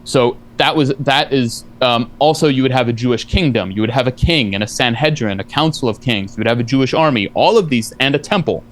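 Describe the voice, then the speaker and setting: A man's voice: medium pitch, expressive, brisk, hardly any pauses, slight background noise. A man in a heated debate, talking insistently in a lecturing way and cutting in with repeated no's. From family from Eastern Europe. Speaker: debate guest.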